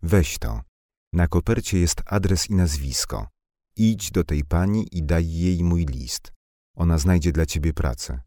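A calm, reserved woman who answers in quiet, measured, brief phrases, as a man reads her. The voice stays very deep and dark. Dry, close storybook recording. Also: no echo. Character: calm, reserved grown woman hiding in a village.

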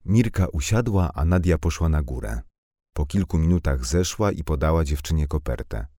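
A man reading a novel aloud as narrator, in steady, even storytelling. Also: extremely low pitch, normal speed, dry recording, clean studio sound. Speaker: audiobook narrator. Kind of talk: scripted narration.

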